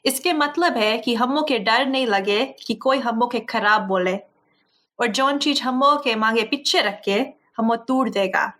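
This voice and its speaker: Fast-talking Indo-Fijian woman podcast host. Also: on the high side, a bit bright. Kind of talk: podcast introduction and interview.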